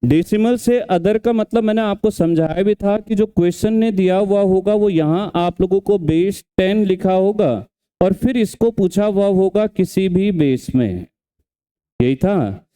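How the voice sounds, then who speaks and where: A man's voice: high voice, a little slow, mellow, clear, resonant tone. A man teaching an exam revision class, who keeps quizzing and scolding his students and repeats each step. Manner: questioning, scolding, repeats steps.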